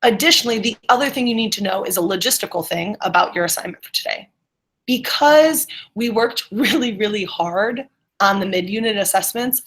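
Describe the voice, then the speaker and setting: A middle school English teacher leads an interactive online class in a slightly bright, mid-range voice. She encourages her students and checks their understanding by asking questions.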